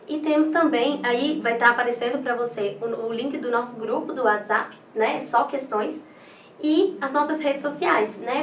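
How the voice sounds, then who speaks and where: A woman with a Brazilian accent gives a recorded exam-prep lesson in a light, slightly high voice. She speaks in a loose, chatty way, full of fillers and "né?" tags. The sound is roomy and a bit distant, with faint ambience behind her. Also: slight background noise. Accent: Brazilian Portuguese. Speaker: online exam-prep teacher.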